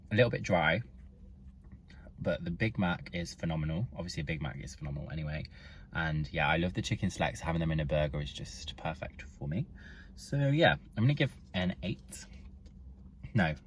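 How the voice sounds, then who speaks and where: Young vlogger, very low voice, chatty food review in a car, mouth often full. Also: male voice, slight background noise. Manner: chatty, talks with his mouth full while eating. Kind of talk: casual food review to camera. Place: inside a parked car.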